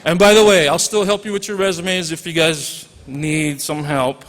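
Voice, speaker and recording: In a big hall with echoing sound, a teacher from Hawaii in his forties delivers an informal graduation address full of joking asides and touches of Pidgin. He speaks with a Hawaiian accent in a fairly high, fairly bright voice, at normal speed and in a steady tone.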